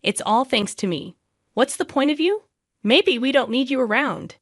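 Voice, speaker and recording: A woman voicing a harsh, scolding older mother-in-law in a narrated story, belittling and sharp. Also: high voice, animated, moderate pace, dry recording, studio quality. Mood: scornful.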